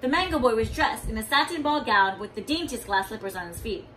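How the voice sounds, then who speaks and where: A woman teacher reading a picture book aloud to young children, expressive and stopping to explain words. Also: fairly high pitch, fairly quick, a little hiss or hum, low-quality recording. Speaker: kindergarten teacher.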